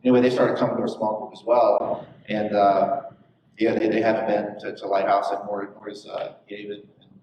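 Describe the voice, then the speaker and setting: Small group leader guy, fast and halting, lots of fillers, a bit low, far off mic. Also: little pitch movement, lo-fi sound, a little hiss or hum. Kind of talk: casual testimony. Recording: echoey room from a distant mic.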